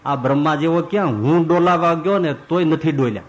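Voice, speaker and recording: A man with a somewhat high voice preaching a devotional sermon as a monk. He tells his stories with animation and swings his pitch up for emphasis as he builds each point. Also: a little fast, rough recording. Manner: animated storyteller who voices characters.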